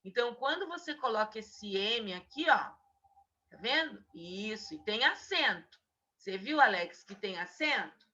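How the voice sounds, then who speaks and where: A woman teacher giving a remote spelling lesson to children on a video call, slowly stretching out each word she dictates. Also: medium pitch, lively intonation, bright, forceful tone. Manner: patient, drawn-out dictation of single words. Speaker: primary school teacher. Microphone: video call mic. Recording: dull lo-fi video call audio.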